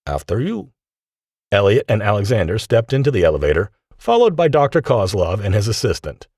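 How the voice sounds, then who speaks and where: A man narrating an audiobook thriller in an expressive storytelling manner on a studio microphone. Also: on the low side, fast, no room sound.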